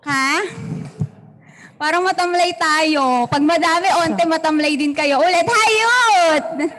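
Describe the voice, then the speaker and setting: A woman with a Filipino accent leading a youth fellowship warm-up, playful, coaxing the crowd and calling out cheers. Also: high-pitched, fairly even intonation, unhurried, slight background noise.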